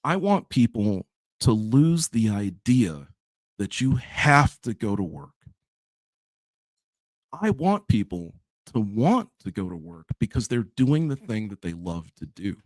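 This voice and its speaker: A man's voice: fairly low pitch, very animated, slow, dry recording, studio quality. A man co-hosting a podcast, speaking in casual chat with emphatic, opinionated delivery. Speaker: podcast co-host.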